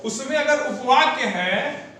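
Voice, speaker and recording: A man's voice: very high voice, lively intonation, slow pace, bright, forceful tone. A male teacher lecturing a class, often checking whether his students follow and calling them fondly as children. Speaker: Hindi teacher. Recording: very echoey room, faint background noise.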